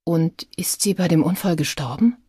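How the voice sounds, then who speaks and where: A woman voicing a tired, determined female detective. She speaks gently but stubbornly. The voice is low, mellow and husky. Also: moderate pace, dry recording, studio quality.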